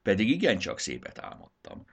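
A man voicing the hero's joyful companion in a storybook reading, exclaiming in a raised, high voice. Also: wildly swooping pitch, gravelly, slight background noise, full character voice. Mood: overjoyed.

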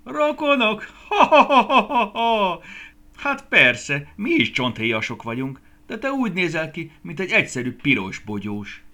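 A man voicing a bunch of fat plums who mock and laugh loudly in a storybook reading. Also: very animated, hardly any pauses. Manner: booming, laughing, mocking. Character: fat green plums, roaring with laughter, mocking.

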